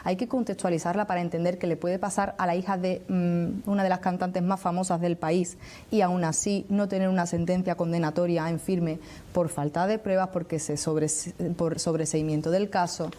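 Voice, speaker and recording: A woman with an Andalusian accent explaining things as an interview guest, measured and didactic, pausing to choose her words. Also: fairly low pitch, steady tone, warm tone. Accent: Andalusian Spanish. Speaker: interview guest, academic researcher.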